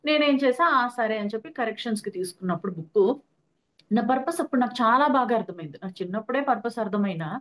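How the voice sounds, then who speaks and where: A young woman with a Telugu accent, telling a personal spiritual story in a lively way and acting out what people said. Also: fairly high pitch, very fast. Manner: lively storytelling, acting out her own quoted speech. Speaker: guest speaker on angels and meditation.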